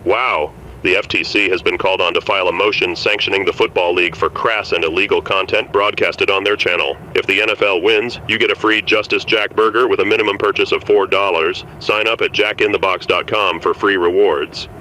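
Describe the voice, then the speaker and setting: A man playing a pushy fast-food commercial pitchman in a parody ad read. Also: steady tone, sharp tone, a little hiss or hum, poor audio. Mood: salesy. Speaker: commercial announcer.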